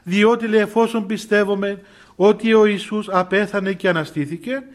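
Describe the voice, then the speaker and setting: Speaking in a high, steady voice, a middle-aged priest delivers a casual sermon built around stories. He chuckles often, fills his speech with fillers, and restarts his phrases again and again.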